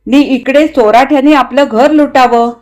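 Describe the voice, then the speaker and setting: A woman's voice: high-pitched, fairly even intonation, moderate pace, voice pushed up, natural voice. A woman voicing a wary young husband in a read-aloud story, who talks in a firm, slightly stern way. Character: young husband, wary and quick to get irritated.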